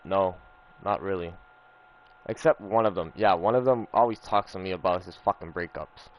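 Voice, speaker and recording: Young man, low voice, casual gaming chatter, rambling, profane, full of fillers. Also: normal speed, dull audio. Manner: rambling, profane, repeats himself with lots of fillers. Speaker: gaming streamer. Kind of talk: casual storytelling over gameplay.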